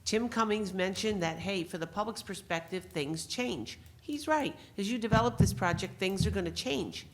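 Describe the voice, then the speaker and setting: A woman's voice: mid-range voice, moderate pace, hardly any pauses. A woman giving an insistent, pointed public comment at a city board meeting. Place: city council meeting room.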